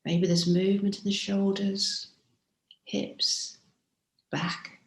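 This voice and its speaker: In an echoing, roomy space, a female teacher guides a body scan meditation. Her medium-pitched voice is flat in delivery yet gentle and soft, unhurried, with many pauses and breathy endings to her phrases.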